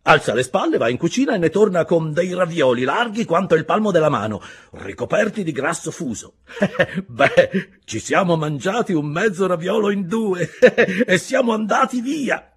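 A man voicing a Siberian prisoner recounting an old anecdote in a loud, expressive whisper, chuckling as he goes. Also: sits high, normal speed, breathy edge, pitched above the performer's own voice, exaggerated voice. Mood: amused. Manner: whispering loudly, chuckling storyteller. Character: male Siberian prisoner telling a funny memory.

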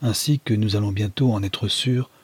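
A man narrates a novel in measured, dramatic first person, building tension line by line. His voice sits low with a husky grain. The recording is dry, with no room sound around it. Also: no room sound. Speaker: audiobook reader.

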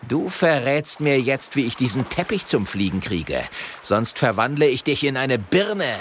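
A man's voice: medium pitch, sing-song, fairly bright tone, slight background noise. A man doing a sneering villain wizard. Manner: gruff, sneering, slow and menacing. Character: grumpy scheming male wizard villain.

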